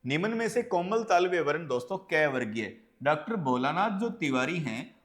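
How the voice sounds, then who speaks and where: A man's voice: medium pitch, fairly bright tone. A man teaching an exam-prep lecture, explaining step by step and asking and answering his own questions as he goes. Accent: Hindi. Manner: calls listeners friends, often adds "right?".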